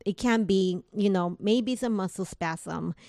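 A woman's voice: medium pitch, measured pace, gravelly, warm tone, no room sound, clean studio sound. A woman telling a personal story in conversation, retelling what people said through quoted dialogue, with casual fillers.

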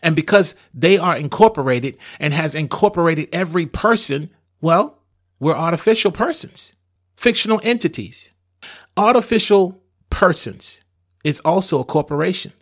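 A man with a drawl talks in a preaching-style monologue, his voice sitting a bit high. He is emphatic and doubles back on words to stress a point. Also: expressive, normal speed, fairly bright tone.

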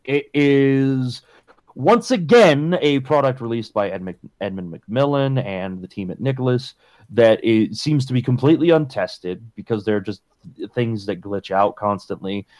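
A man delivers a scathing, blunt critique in casual gaming talk. His voice sits at an average pitch and is recorded dry, with little room sound. He swears freely as he picks things apart. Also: normal speed, darkish tone, dry recording. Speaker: gaming podcast co-host. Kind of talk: casual video game discussion.

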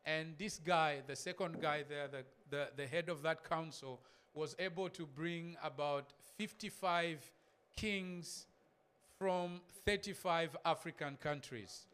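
A man's voice: a little high, takes it slowly, a bit bright, slight background noise. A man from Zambia, a missionary guest speaker, giving a casual church talk with pictures, repeating words and laughing in asides.

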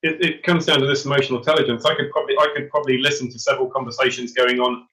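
A middle-aged man guesting on a podcast, with a voice of ordinary pitch. He talks earnestly and reflectively, often stumbling over repeated words as he begins a new point. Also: steady tone, racing, bright, forceful tone, low-quality recording. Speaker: podcast guest, former special forces soldier. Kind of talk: casual interview chat.

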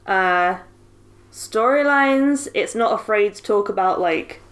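A woman's voice: mid-range voice, animated, slow, fairly bright tone. A British woman co-hosting a podcast in casual chat, joking and often laughing. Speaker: podcast co-host.

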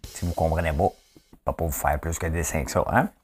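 A man's voice: very deep voice, brisk, faint music behind. A man in his fifties with a Quebec French accent, hosting in a chatty, joking way and asking his audience questions. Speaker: host. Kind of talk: casual chat presenting trivia.

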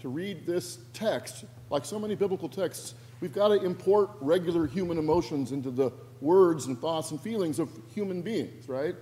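A man preaching a sermon as pastor, telling stories with animated quoted voices and touches of humor. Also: a little high, moderate pace, few pauses. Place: church sanctuary. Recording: long reverb of a church sanctuary.

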